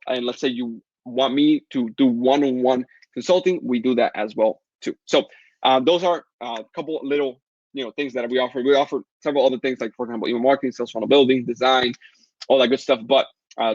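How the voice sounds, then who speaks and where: Hosting a live webinar Q&A, this man from the Caribbean fields chat questions and promotes his course quickly and cheerfully. Spanish is his native language and he has a Latin American Spanish accent; the audio is muffled with no room sound.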